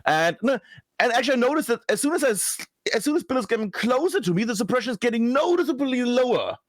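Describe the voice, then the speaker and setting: Lively high-voiced man from Germany. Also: fast, no room sound. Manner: blunt, swears casually, many restarts. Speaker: podcast guest, game broadcaster. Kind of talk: casual podcast chat.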